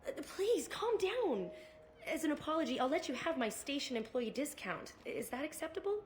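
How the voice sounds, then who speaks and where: A woman's voice: high voice, big pitch swings, normal speed, slight background noise. A woman voicing a polite female shopkeeper who placates an angry customer. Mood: placating. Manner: apologetic, placating.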